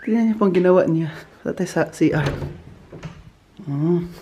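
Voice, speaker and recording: A man's voice: sits high, moderate pace, mellow, slight background noise. Man vlogger at work, gossipy and giggly, roomy echo on a handheld phone. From Philippines. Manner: gossipy and giggly, laughing often. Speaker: vlogger working at a hotel. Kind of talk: casual chatty vlog. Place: indoors in a hotel.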